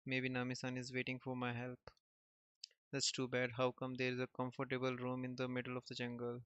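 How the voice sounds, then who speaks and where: A man's voice: medium pitch, completely flat delivery, a little fast, fairly bright tone, clear, resonant tone, no echo, muffled recording. A man casually reading a comic aloud, giving every character the same plain voice and chuckling often between lines. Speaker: manga reader.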